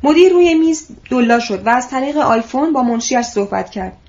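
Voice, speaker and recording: Brief: woman audiobook narrator, steady and even, fairly high pitch, lo-fi muffled audio. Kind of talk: scripted narration.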